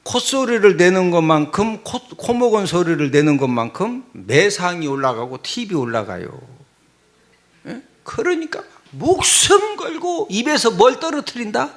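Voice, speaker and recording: A male pastor preaching a sermon in an animated, comic way, often calling out to the congregation. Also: high voice, measured pace.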